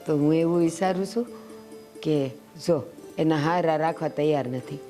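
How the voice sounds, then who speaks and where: A woman's voice: low-pitched, moderate pace, lightly acted. An actress playing a protective elderly village mother, speaking bluntly with a Kathiawadi Gujarati accent. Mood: confiding. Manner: scolding, blunt. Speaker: actor. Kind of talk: village family drama acting. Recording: soft music under the voice.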